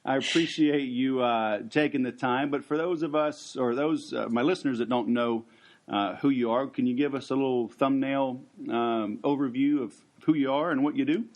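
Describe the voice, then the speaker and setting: A man hosting a podcast in a casual interview style, halting, with frequent ums and pauses. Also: medium pitch, fairly even intonation. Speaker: podcast host.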